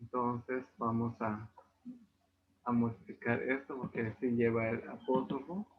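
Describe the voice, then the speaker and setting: Yucatecan guy teaching a class online, slow and patient, tinny call audio. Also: medium pitch, little pitch movement, slightly rough. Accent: Yucatecan Spanish. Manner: patient, explanatory. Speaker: language teacher. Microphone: video call.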